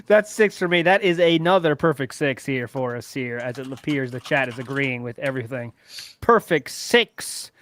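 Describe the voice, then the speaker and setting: A man's voice: medium pitch, normal speed, fairly bright tone, a little hiss or hum. A man hosting and judging a contest in a casual live-stream chat manner. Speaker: contest host and judge.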